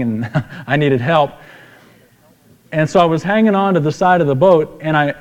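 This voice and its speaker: A middle-aged man with a mid-range, somewhat dark voice preaches a sermon built on personal stories. His style is folksy and conversational, and he repeats phrases for emphasis. The recording was made in a reverberant hall.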